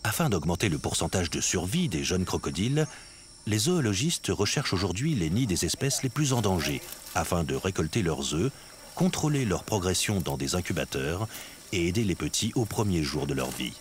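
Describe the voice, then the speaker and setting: A man's voice: sits low, sing-song, normal speed, slight background noise. A man reading scripted nature documentary narration. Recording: music behind the voice.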